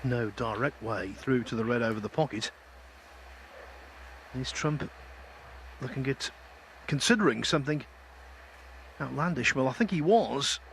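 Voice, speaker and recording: A man's voice: medium pitch, a little slow, vocal fry, long pauses, fairly bright tone, poor audio. Articulate male snooker commentator over faint noise. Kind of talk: live sports commentary.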